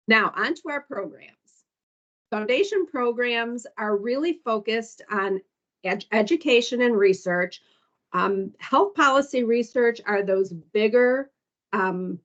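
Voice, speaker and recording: Over a muffled, lo-fi conference call line, a woman from a foundation's staff presents an orientation, stepping through slides and reading program lists. Her mid-range voice is hesitant, full of ums.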